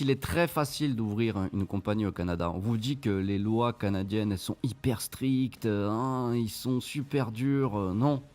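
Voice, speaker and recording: A man's voice: medium pitch, darkish tone. A man hosting his channel, giving mocking, sarcastic screen-share commentary, swearing casually as he talks viewers through the material. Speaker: channel host reviewing an investment scheme.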